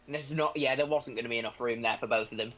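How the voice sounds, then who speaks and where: A young man with a Northern English accent commentating a sim racing league, joking around and shouting out when cars make contact. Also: medium pitch, racing. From Northern England. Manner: jokey, bursts up loud on contact. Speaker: race commentator.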